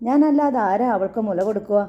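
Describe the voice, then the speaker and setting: A woman's voice: fairly high pitch, a little fast, lightly acted. Woman reading as pleading young mother Kalyani. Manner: whiny, pleading. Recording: echoey, slightly dull recording.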